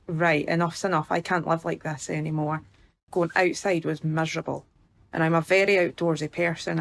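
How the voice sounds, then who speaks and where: A Scottish woman in her early thirties speaks as a guest on a podcast. Her voice is slightly low with plenty of fry. She tells her personal story in an informal, chatty way. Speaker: patient guest.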